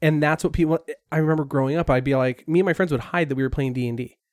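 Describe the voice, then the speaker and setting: A young man co-hosting a casual podcast chat, telling animated stories and acting out quotes. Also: on the high side, very fast, dry recording, clean studio sound. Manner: animated storyteller who acts out quotes. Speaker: podcast co-host.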